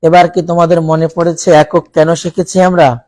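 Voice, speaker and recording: A man teaching Quran recitation in a college classroom with a Bangladeshi accent, reciting Arabic examples slowly and quizzing his students. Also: a little high, level tone, darkish tone, no room sound, rough recording. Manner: slow, drawn-out recitation of Arabic words as examples; asks the class questions and has them repeat.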